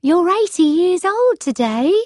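A woman reading an audiobook, voicing a patient, caring young granddaughter who talks brightly and coaxingly. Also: extremely high pitch, sing-song, measured pace, no room sound, clean studio sound, pitched above the performer's own voice, full character voice.

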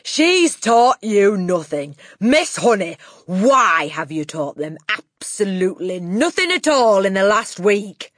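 A woman voicing a huge, bullying headmistress in an audiobook, booming and barking out contemptuous insults with drawn-out emphasis. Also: a bit bright, no room sound, clean studio sound. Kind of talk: audiobook character acting.

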